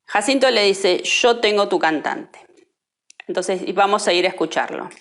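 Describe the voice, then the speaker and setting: A woman with a mid-range, slightly bright voice speaks at a moderate pace in an interview. She shares family memories conversationally, telling anecdotes and acting out the quoted dialogue as she goes.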